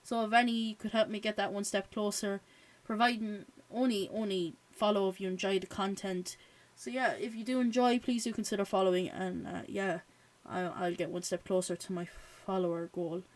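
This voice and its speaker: A woman with an Irish accent hosts a live watch-along stream, reacting to the match, reading viewer messages aloud and chatting casually with frequent "um" and "yeah" fillers. Her mid-range voice is steady, at normal speed with hardly any pauses.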